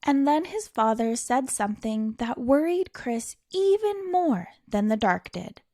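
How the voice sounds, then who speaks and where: A storytime reader, a woman, reads a children's picture book aloud, theatrical, with dramatic pauses and stretched words for emphasis. Her voice is on the high side, animated, and dark in tone, captured in a dry, studio-quality recording.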